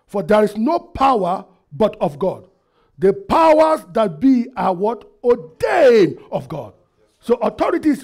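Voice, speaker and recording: A middle-aged man, preaching a sermon into a headset mic in a church hall, asking the congregation questions and swinging between loud and quiet. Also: high voice. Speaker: pastor. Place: church hall with projector screen, indoors.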